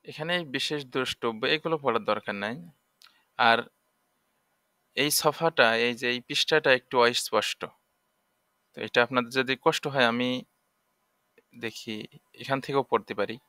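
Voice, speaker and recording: A man teaching Quran reading, drilling letter sounds slowly and repeating them patiently. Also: mid-range voice, pushed and bright, clear, resonant tone, dry recording. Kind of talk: slow, patient recitation lesson.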